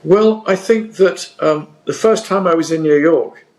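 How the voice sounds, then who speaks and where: A male musician answers interview questions in a halting way. He pauses often and fills the gaps with ums. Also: a little high, rough recording. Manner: hesitant, halting with many fillers. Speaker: musician guest.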